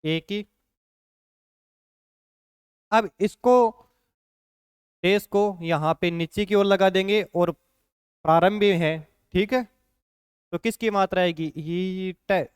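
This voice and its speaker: Guy teaching shorthand, slow and patient, fairly high smooth voice, keeps asking "ok?". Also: steady tone, dry recording, clean studio sound. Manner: patient, repeats points with frequent "ठीक है" check-ins. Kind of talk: classroom lesson explanation.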